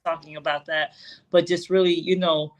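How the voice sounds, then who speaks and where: A woman's voice: low voice, level tone, moderate pace, poor audio. A woman in her late forties talking reflectively on a podcast, with many "you know" fillers. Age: 40s. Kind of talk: casual podcast conversation.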